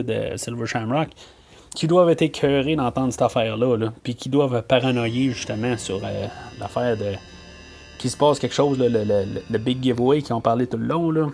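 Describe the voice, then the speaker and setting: A man's voice: mid-range voice, darkish tone. A man with a Québécois French accent hosting a podcast, reviewing a film in casual talk, full of fillers and restarts. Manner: hesitant, many fillers and restarts. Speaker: podcast host.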